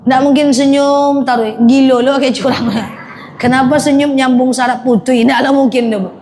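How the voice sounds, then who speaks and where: A woman preacher giving a lively religious lecture to a women's congregation, joking and speaking to them directly. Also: high-pitched, normal speed. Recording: faint background noise.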